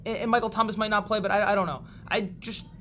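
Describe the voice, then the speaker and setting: A man's voice: high voice, steady tone, a bit bright, slight background noise. A man co-hosting a sports podcast, giving his picks in a casual, opinionated chat. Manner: opinionated, quick to pick sides. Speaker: podcast co-host.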